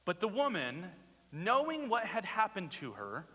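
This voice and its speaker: Animated male pastor preaching in a reverberant hall. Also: sits high, a little slow. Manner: animated storytelling with rhetorical questions. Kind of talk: sermon. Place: church sanctuary.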